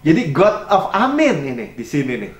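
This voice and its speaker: A man's voice: on the high side, huge pitch swings, normal speed, echoey room. A man preaching a sermon as pastor, conversational and chuckling, slipping English phrases into his talk. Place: church.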